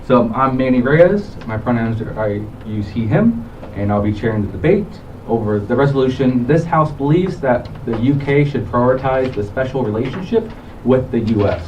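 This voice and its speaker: A young man chairs a student debate in a friendly, brisk manner. He sounds distant from the microphone. The audio is muffled and dull, and room noise is clearly audible. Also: mid-range voice, animated, a little mellow. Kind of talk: formal introductions at a student debate.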